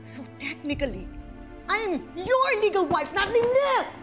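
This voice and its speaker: Shrill, scheming estranged wife. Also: female voice, very animated, takes it slowly, exaggerated voice. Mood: menacing, demanding. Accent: Filipino. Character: scheming, defiant, hot-tempered estranged wife. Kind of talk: heightened TV melodrama acting. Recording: dramatic music behind dialogue.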